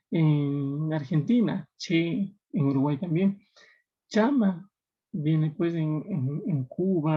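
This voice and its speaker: A man's voice: fairly high pitch, slightly rough. Peruvian man lecturing his students. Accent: Peruvian Spanish. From Peru. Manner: explanatory, checking in with tag questions. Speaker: teacher. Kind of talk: classroom lecture. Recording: dull lo-fi recording.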